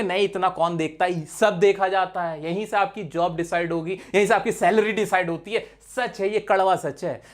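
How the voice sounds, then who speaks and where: A young man with an Indian accent teaching spoken English in a casual, direct way, talking straight to his viewers. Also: high-pitched. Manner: chatty, direct, addresses viewers as brother. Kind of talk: casual classroom-style lesson.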